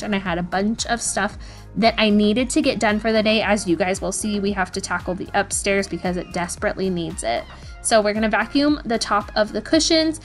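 A young woman narrating her home-cleaning vlog in a voice-over, in an upbeat, chatty way. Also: medium pitch. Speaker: cleaning vlogger. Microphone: voice-over, recorded separately. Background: faint background music.

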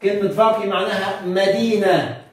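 A high-pitched Egyptian man teaches beginners, posing questions and answering them himself. He sounds far from the mic, and his voice rings through a very echoey room. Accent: Egyptian Arabic. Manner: spells words out slowly, syllable by syllable. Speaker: monk priest teaching Coptic. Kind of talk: beginner language lesson.

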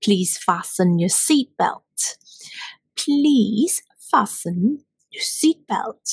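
Slow, husky woman drilling English phrases. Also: medium pitch, no room sound. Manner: drills phrases by repeating them, often softly whispered; playful, direct teasing of students. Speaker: English teacher. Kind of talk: English pronunciation lesson.

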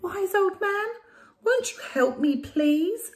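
A woman's voice: animated, slow, exaggerated voice. A woman voicing a fretful little old lady who wails her pleas. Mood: pleading. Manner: shrill, wailing pleas.

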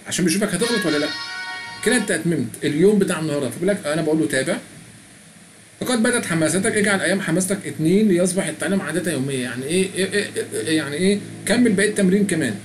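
A man's voice: high-pitched, noisy background. A middle-aged man with an Egyptian Arabic accent, walking through a language app in a chatty way and reading its prompts aloud. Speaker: tutorial presenter. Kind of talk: screen-recorded app walkthrough.

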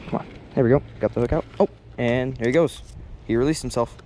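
Young guy vlogging from the riverbank, chatty and excited, talks to the fish, bit of outdoor noise. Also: mid-range voice, fast. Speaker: fishing vlogger. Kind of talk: casual fishing vlog commentary. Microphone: head-mounted action camera.

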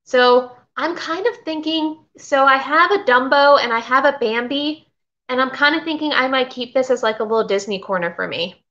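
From her home kitchen in Florida, a middle-aged vintage seller hosts a relaxed live haul, rambling and reading comments from viewers. Her voice sits high and sounds bright and forceful at a moderate pace, recorded through a desk webcam in slightly dull lo-fi quality.

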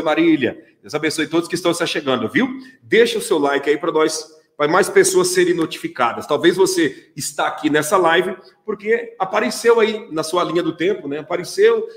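Emphatic Brazilian pastor, roomy sound. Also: male voice, fairly high pitch. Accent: Brazilian Portuguese. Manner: emphatic, repeats lines and fires questions at viewers. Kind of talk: livestreamed sermon.

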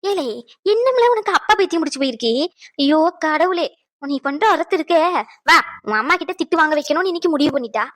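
A woman voicing a scolding elderly grandmother in a cartoon drama, talking sharply and quickly. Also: high voice, lively intonation, fairly bright tone. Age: older.

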